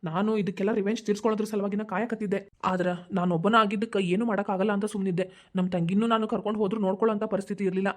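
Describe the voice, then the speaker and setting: A woman's voice: medium pitch, steady tone, close to an everyday voice. A woman voicing an earnest, determined young man in a cartoon, with a North Karnataka Kannada accent. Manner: pleading, determined, talks fast. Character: earnest young man, devoted son and brother. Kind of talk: cartoon voice acting.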